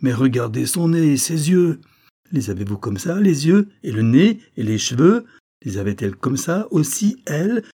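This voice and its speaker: A man reading aloud and voicing a fierce old female servant, with shrill, furious outbursts. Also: little pitch movement, moderate pace, few pauses, warm tone, lightly acted. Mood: shrieking.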